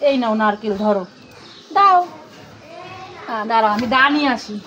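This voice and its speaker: A woman's voice: on the high side, expressive, normal speed, lo-fi sound, noisy background. A mother vlogging at home, playfully coaxing her children and talking to viewers. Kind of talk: casual family vlog talk with children.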